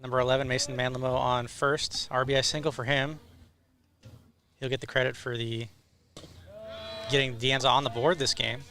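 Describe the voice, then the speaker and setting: A man's voice: medium pitch, flat delivery, normal speed, pauses often, sharp tone. A man giving live play-by-play commentary as a baseball announcer.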